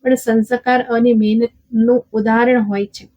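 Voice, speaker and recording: Woman reading as a quiet humble village bride. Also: on the high side, level tone, normal speed, no room sound, lightly acted. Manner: soft, quiet. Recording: dull lo-fi with faint music.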